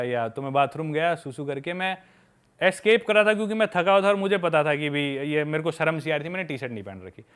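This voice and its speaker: A man's voice: on the high side, fairly bright tone, clean tone. A young man chatting casually on a podcast, telling candid travel stories and addressing the listener as a buddy. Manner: candid storytelling, calls listeners "bhai".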